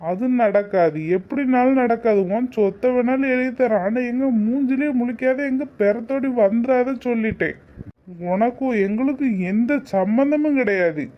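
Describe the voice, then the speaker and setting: A man's voice: very high-pitched, normal speed, highs cut off. A man voicing a bitter young man who speaks angrily and resentfully. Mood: angry. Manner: angry, resentful. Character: bitter young village man, disowning his mother.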